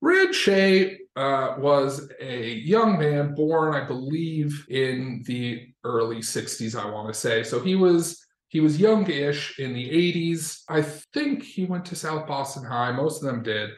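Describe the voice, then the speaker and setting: A man's voice: on the high side, lively intonation, slow pace, few pauses, roomy sound. A man from Massachusetts co-hosting a podcast in a casual, discursive explaining style, with wry asides and swearing. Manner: discursive, self-correcting, with wry asides and profanity. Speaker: podcast co-host.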